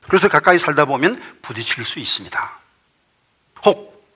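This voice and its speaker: A middle-aged man preaching a sermon as pastor, emphatic and rising to forceful peaks. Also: fairly high pitch, breathy edge. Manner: reads a quoted testimony aloud in a measured storytelling tone.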